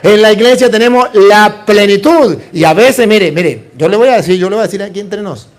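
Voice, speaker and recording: A man with a high voice preaches a lively sermon, pressing his listeners with rhetorical questions and call-and-response. He slips in playful little exchanges and lands them with humor. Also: brisk. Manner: humorous, plays out little dialogues.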